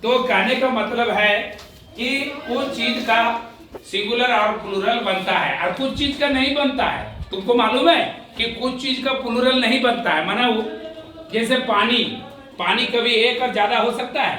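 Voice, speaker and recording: A man teaches a classroom grammar lesson in a very high, bright voice. He keeps putting questions to the class and answering them himself, repeating each point. He sounds set back from the mic in a very echoey room. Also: a little slow, far from the mic.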